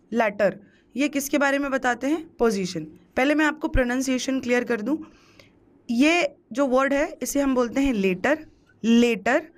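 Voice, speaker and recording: A woman with a high voice teaches a grammar lesson over slides. She pronounces English words with a Hindi accent. She keeps asking the class questions and then answering them herself. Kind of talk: exam-prep grammar lesson.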